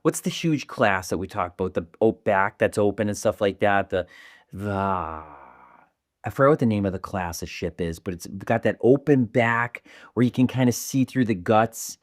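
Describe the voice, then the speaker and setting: A man's voice: lowish voice, lively intonation, moderate pace, dry recording, clean studio sound. A young man co-hosting a casual podcast, rambling with restarts and casual swearing. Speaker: podcast co-host. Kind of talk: casual chat.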